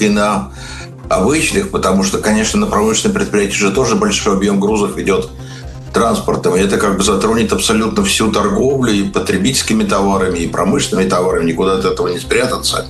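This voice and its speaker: A man's voice: lowish voice, steady tone, a little fast, faint music behind. A man, an economist, giving an expert comment in a loose, explanatory way. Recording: roomy echo.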